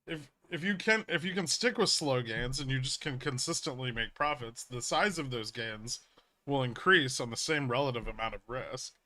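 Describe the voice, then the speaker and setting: A man with a medium-pitched, sharp voice talks at normal speed while hosting a casual livestream. As a trading educator, he answers viewers and explains things bluntly and emphatically, swearing now and then.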